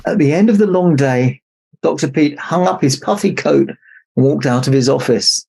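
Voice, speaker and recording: A man narrating a children's story aloud as an expressive storybook reader. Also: a little high, normal speed, vocal fry, slightly rough, poor audio. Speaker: storybook reader in Santa persona.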